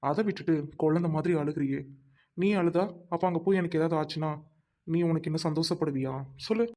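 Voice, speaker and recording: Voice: mid-range voice, brisk, warm tone, close to an everyday voice. A performer playing a teasing, reassuring young husband who is about to leave home for duty, in a comic family skit.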